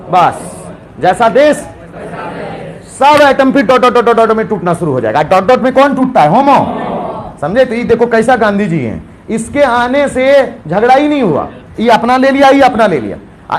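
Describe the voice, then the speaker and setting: A young male chemistry teacher lectures a classroom in a high, bright voice. He turns his lesson into jokey stories and keeps firing questions at the students. A faint hiss of noise sits under him. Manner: playful, storytelling, quizzes students.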